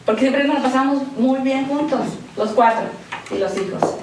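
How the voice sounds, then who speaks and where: A woman speaks to a women's church gathering, weaving scripture into a heartfelt personal story. Her fairly high voice swings between loud emphasis and soft, emotional tones. It carries from a distance through a very echoey hall with faint noise. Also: moderate pace. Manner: conversational, tag questions, repeats words for emphasis. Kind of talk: sermon with personal testimony.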